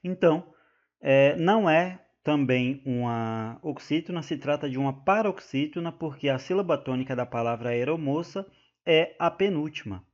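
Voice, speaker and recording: A man with a Brazilian accent explaining an exam-prep grammar lesson, slowly and patiently, drawing out the example words. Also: a little high, muffled recording. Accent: Brazilian Portuguese. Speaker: teacher.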